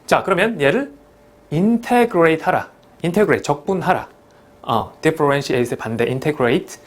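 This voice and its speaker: A middle-aged man gives a whiteboard math lecture, with a voice that sits a little high and swings widely in pitch. He walks through each term patiently and keeps turning to his students to check they follow. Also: animated, takes it slowly. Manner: talkative, mixes in English math terms, asks students "그죠?". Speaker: math teacher.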